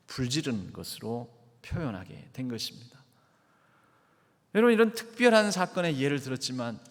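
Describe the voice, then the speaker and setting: A man, the pastor, preaching a sermon in a church and asking the congregation questions. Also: medium pitch. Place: church sanctuary. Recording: church hall reverb.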